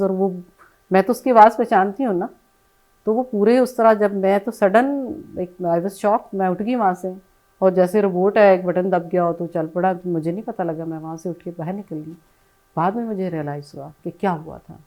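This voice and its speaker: A middle-aged woman answering interview questions in a soft, reflective way, often falling to a hush and slipping in English phrases. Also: medium pitch, low-quality recording. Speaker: bereaved mother, interview guest.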